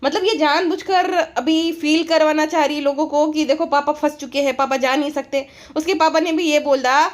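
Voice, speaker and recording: A woman's voice: sits high, fairly even intonation, moderate pace, hardly any pauses. A woman giving sarcastic, mocking commentary on another vlogger. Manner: mocking, scornful, laughs at her subject.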